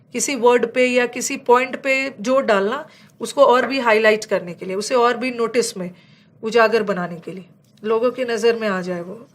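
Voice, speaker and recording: With an Indian accent, a woman teaches an English vocabulary lesson, explaining in Hindi and slowing down to read the English example sentences aloud. Her voice sits on the high side.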